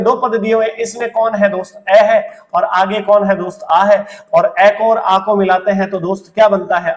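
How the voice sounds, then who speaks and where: A man's voice: sits high, reverberant, far from the mic. A man teaching a Hindi grammar lesson for exam prep. He repeats key points, asks questions and answers them himself, and jokes with students. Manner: playful banter, acts out student questions.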